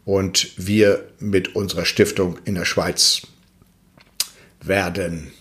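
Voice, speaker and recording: A man who reads a children's tale slowly and then comments in a deliberate tone, with hesitant fillers. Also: low-pitched, little pitch movement, fairly bright tone. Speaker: storyteller and foundation spokesman.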